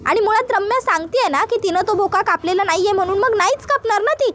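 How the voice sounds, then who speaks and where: A woman's voice: very high-pitched, expressive, fast talker, fairly bright tone, slight background noise. A woman voicing a sly woman who argues insistently and dismissively.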